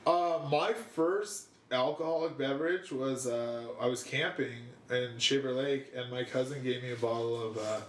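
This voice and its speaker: A man's voice: mid-range voice, normal speed, hardly any pauses, roomy sound. A young man co-hosting a podcast in casual chat, rambling and swearing a lot, laughing often. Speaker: podcast co-host.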